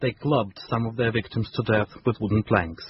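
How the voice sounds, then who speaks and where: A man's voice: fairly low pitch, steady tone, moderate pace. Male correspondent on a muffled, noisy line. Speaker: foreign correspondent. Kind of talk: scripted news report.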